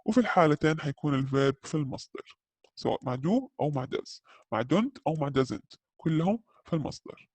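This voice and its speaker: A male teacher walks through a grammar lesson with a slightly high voice. He says each English example slowly and clearly and keeps checking that his listeners follow. The sound is dry and close. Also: animated, dry recording. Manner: slow, carefully spelled-out English examples. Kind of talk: grammar lesson explained in Arabic.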